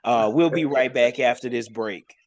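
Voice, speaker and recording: A man's voice: mid-range voice, normal speed. Easygoing male talk show host. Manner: easygoing, affirming, laughs along. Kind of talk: casual interview chat.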